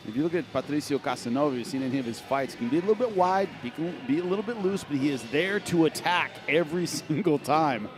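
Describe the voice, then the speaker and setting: A man with a fairly high voice calls boxing as play-by-play commentator. His delivery is conversational live sports talk, with music audible behind him. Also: animated, fast, few pauses.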